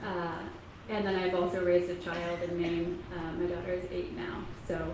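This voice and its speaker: A woman from Kentucky in her thirties, an author, talks casually to an audience in a public library meeting room. Her lowish voice has a flat delivery, and she speaks softly and haltingly with many pauses and ums. The room echoes and there's faint noise.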